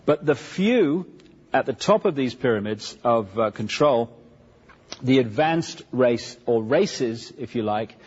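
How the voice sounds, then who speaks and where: A man giving an emphatic lecture with slides, pausing often with fillers. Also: mid-range voice, a little mellow, husky. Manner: emphatic, with many pauses and fillers. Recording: lo-fi recording in a large echoey hall.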